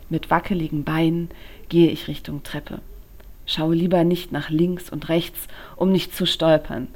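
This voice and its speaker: A woman author reading her own novel aloud in the first person, with an expressive, dramatic delivery. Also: on the low side.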